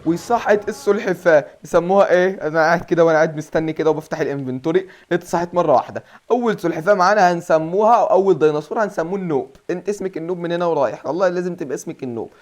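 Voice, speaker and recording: Young egyptian guy rattling off game commentary super fast, rambling and joking at himself. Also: a little high, a little mellow. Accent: Egyptian Arabic. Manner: chatty, self-mocking, thinking aloud with many fillers. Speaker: gaming channel host. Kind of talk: casual mobile game commentary.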